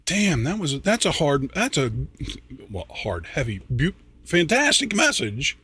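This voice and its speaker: An older man talks slowly and haltingly, rambling between thoughts and dropping the odd curse. He is a little tipsy, his words starting to slur. The sound is dry and close, with no room echo. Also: a little high, wildly swooping pitch, bright, forceful tone, breathy edge. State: tipsy, slightly slurring. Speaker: reaction video host. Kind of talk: casual spoken reaction.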